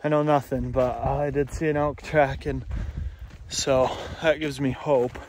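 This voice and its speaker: This young man's voice is medium-pitched with a darkish tone, flat in intonation and unhurried. He's shed hunting outdoors in open scrubland, rambling with many fillers into a phone camera held close. Slight background noise is present.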